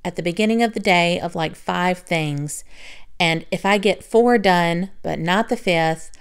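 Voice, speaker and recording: A woman vlogger giving a reflective voiceover about her week, soft, confiding and unhurried. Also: lowish voice, smooth. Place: home, recorded as a voiceover.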